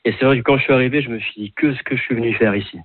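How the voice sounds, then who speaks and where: A man's voice: medium pitch, racing, no echo. A French man calling in to a radio show, talking hesitantly with many fillers and restarts. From France. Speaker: caller. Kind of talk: casual phone chat. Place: home in Scotland. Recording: tinny phone line.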